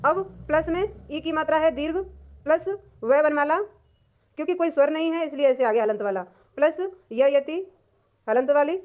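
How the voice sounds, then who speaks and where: A woman teacher explaining a textbook lesson patiently, repeating and translating each word, clearing her throat now and then. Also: high-pitched, normal speed, darkish tone.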